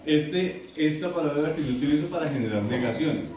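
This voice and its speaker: Recorded from far off in a very echoey, noisy classroom, a man gives an English pronunciation lesson. His voice is a little high and lively, and he talks quickly, repeating himself and often asking the students whether they follow.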